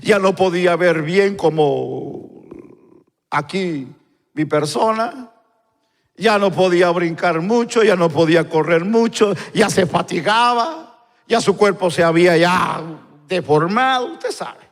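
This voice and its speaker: A man preaching a sermon, swinging between loud preaching and quiet asides. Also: sits high, takes it slowly. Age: 50s. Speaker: pastor. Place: church sanctuary. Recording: live church recording with long reverb.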